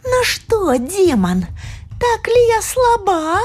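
A woman voicing a tiny, feisty old woman who scolds in an indignant, drawn-out way. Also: very high voice, wildly swooping pitch, darkish tone, voice pushed up, exaggerated voice. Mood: defiant. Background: faint music.

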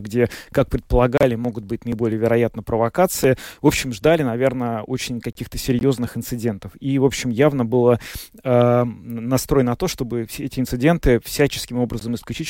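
A man's voice: medium pitch, darkish tone, dry recording. A male co-host of a radio news show who comments in the studio and searches for words with many fillers.

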